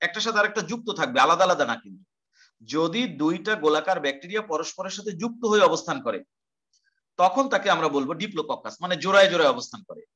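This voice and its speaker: A man's voice: high-pitched, pushed and bright. A male teacher giving an online class lecture, explaining step by step, repeating terms and asking rhetorical questions.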